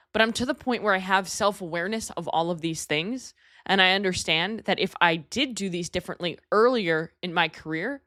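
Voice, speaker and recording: A woman in her thirties from New York talks through her own podcast in a low, candid voice, chatty and a little self-deprecating. The sound is dry and close, with no room behind it. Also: fairly bright tone, no echo. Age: 30s. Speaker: podcast host. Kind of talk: solo podcast talk.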